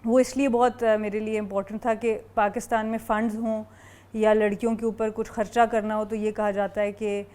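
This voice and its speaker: A woman's voice: medium pitch, little pitch movement, darkish tone. A woman team captain, a guest on a TV show, answers articulately and mixes in English phrases. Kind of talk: TV interview answers.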